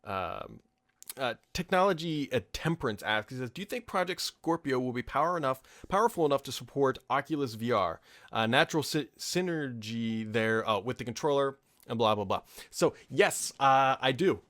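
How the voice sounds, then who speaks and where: With a mid-range, fairly bright, expressive voice at normal speed, a thirty-something American man rambles informally through his tech podcast. He tackles listener questions off the cuff, sharing strong opinions.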